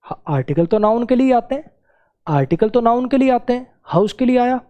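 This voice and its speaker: A man's voice: very high voice, lively intonation, a little fast, mellow, lo-fi sound. A man teaching English grammar in a classroom-style lesson, repeating key words and checking that students follow.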